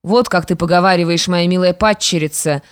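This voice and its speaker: A woman's voice: fairly low pitch, brisk, clean tone, no room sound, clean studio sound, lightly acted. A woman voicing a scheming young widow, a stepmother who sounds falsely sweet and menacing. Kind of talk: audiobook character reading.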